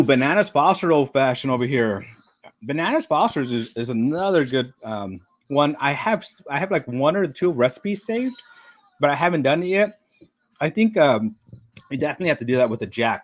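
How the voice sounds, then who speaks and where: A middle-aged man hosting a live stream, chatting casually and rambling with frequent fillers, sometimes talking while eating. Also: mid-range voice. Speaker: livestream host.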